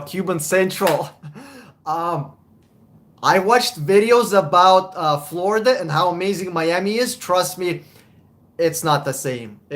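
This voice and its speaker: Taking questions from the chat on a relaxed live stream, this young car-buying advisor from Russia speaks bluntly, swearing and chuckling. His voice sits a little high with a fairly bright tone.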